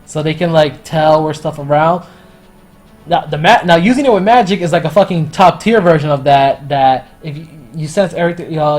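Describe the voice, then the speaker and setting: A man casually reviewing a story in a rambling, profane, excitable way. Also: a little high. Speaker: anime and manga reviewer.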